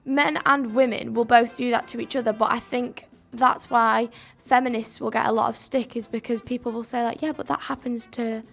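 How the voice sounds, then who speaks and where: A woman's voice: fairly high pitch, little pitch movement, normal speed, vocal fry, few pauses, fairly bright tone. A young woman co-hosting a homemade radio show, speaking earnestly in long run-on sentences. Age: young adult. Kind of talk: casual discussion.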